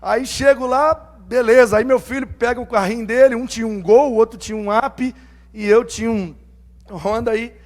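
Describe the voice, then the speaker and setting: A man's voice: extremely high pitch, steady tone, normal speed. A middle-aged man preaching as a pastor, telling a personal story with humor and acting out quoted dialogue in voices. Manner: humorous, self-mocking.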